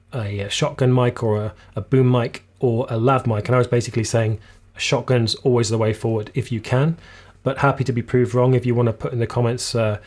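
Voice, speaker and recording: A man's voice: medium pitch, a little mellow. Casual man hosting a live Q&A. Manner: casual, explanatory, reads viewer comments aloud. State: slightly losing his voice. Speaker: videography channel host. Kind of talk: live Q&A stream. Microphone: shotgun boom mic just out of shot.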